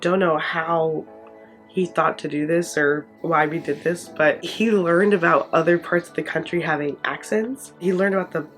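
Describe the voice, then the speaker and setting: A woman's voice: low-pitched, steady tone, moderate pace, faint music behind. A young woman from Michigan, hosting her channel in an earnest, encouraging way, often restarting her sentences. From Michigan, USA. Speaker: channel host. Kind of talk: heartfelt personal vlog talk.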